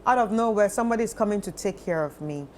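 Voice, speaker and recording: A woman's voice: mid-range voice, fast, slight background noise. A woman on a talk panel who often chimes in and agrees, then argues her own view. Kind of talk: casual chat.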